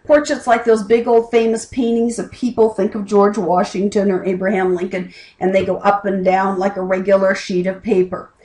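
A woman's voice: medium pitch, level tone, moderate pace, a little mellow, low-quality recording. Chatty woman instructor recording a lesson. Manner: chatty, plain-spoken teaching with asides. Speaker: college instructor. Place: home desk with keyboard and lamp. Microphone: camera over the desk.

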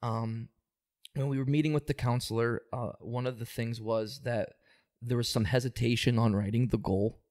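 An employment supervisor answers interview questions in a mid-range, steady voice with a slightly dark tone. He moves at a moderate pace and explains things evenly, though he says "um" often and makes small restarts.

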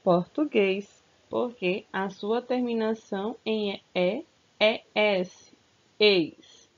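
Slow, patient woman teacher. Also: medium pitch, fairly even intonation. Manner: slow, stretched-out words, coaxing pupils with questions. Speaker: school teacher. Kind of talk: recorded online grammar lesson for children. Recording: slightly dull, lo-fi sound.

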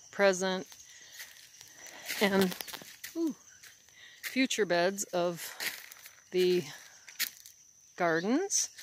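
A woman walking through her garden, recording on a phone and pointing out the plants in an unhurried way. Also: fairly low pitch, a little hiss or hum. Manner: unhurried, pointing things out as she walks. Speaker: gardener giving a tour. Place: outdoor garden. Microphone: handheld phone, speaker behind camera. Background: crickets and outdoor ambience.

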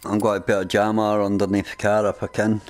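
A man streaming a video game, calling out to his team over a headset and shouting when fights get heated. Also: on the low side, little pitch movement, fast, a little hiss or hum. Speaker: gaming streamer. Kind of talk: live gameplay team chat.

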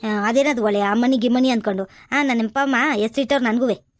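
A woman's voice: on the high side, steady tone, fast talker, dry recording, studio quality, lightly acted. A woman playing a spoiled young daughter-in-law from the city who complains and talks back, in a comedy skit. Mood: complaining.

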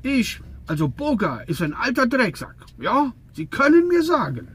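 Guy putting on a fussy high-pitched trucker boss, drags out his words and wails. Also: huge pitch swings, moderate pace, breathy edge, heavily acted. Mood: indignant. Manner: high, exclaiming, dragged-out outbursts. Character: excitable, fussing male trucking company boss.

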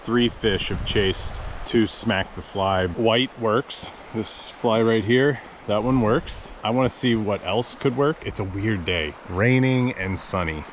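A man's voice: lowish voice, takes it slowly, hardly any pauses, a little hiss or hum. A man in his thirties from the United States, filming himself fly fishing outdoors on a river with a body-worn action camera and talking casually about each strike. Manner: excitable, exclaims at every strike, talks to the fish. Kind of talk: casual self-filmed commentary.

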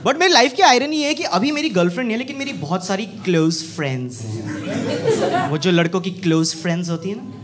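Animated young male stand-up comic. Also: high voice, brisk, over a noisy crowd. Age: young adult. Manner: animated, mocking storytelling. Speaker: stand-up comedian. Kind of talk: stand-up comedy set. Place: small comedy club stage, indoors. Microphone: handheld mic. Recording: live club set with loud audience laughter.

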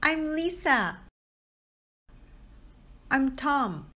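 A woman in her forties, an English teacher, reading short practice sentences for children slowly and carefully. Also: high voice, sing-song, pushed and bright. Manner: slow, careful, clearly spoken model sentences.

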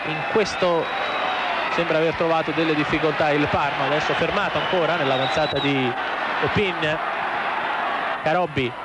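Male football commentator, slightly high-pitched, clipped play-by-play with measured analysis, very loud crowd behind. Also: fairly even intonation. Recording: noisy old TV broadcast, loud stadium crowd. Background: loud football stadium crowd.

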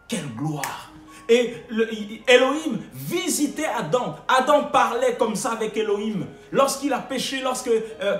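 A high-voiced man preaches a sermon, repeating his refrains emphatically and stumbling over hesitations. The sound is echoey, with faint music behind him.

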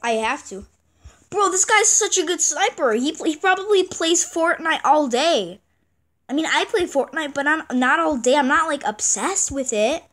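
A woman giving casual gameplay commentary, excitable and chatty, repeating exclamations and stumbling over words. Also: sits high, normal speed. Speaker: gaming channel host.

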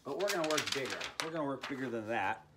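A man's voice: mid-range voice, lively intonation, fast talker, very noisy. A man in his sixties giving an informal, folksy drawing lesson for kids, playfully dropping in little sound words as he demonstrates. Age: 60s. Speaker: art teacher hosting a drawing tutorial channel for kids. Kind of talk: informal instructional talk while drawing. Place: indoor room with art on the wall.

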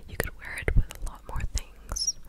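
A woman in her twenties chatting casually in a breathy, close-up ASMR whisper, right up at the microphone as if into the listener's ear. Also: normal speed. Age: 20s. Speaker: ASMR content creator. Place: living room indoors. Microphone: large USB microphone very close to the mouth.

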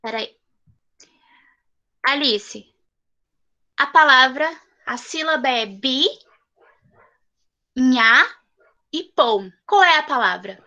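A woman's voice: sits high, lively intonation, very slow, pauses often, bright, forceful tone, muffled recording. A woman teaching a class of young children over a video call, affectionate and coaxing, stretching out syllables. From southern Brazil. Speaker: primary school teacher.

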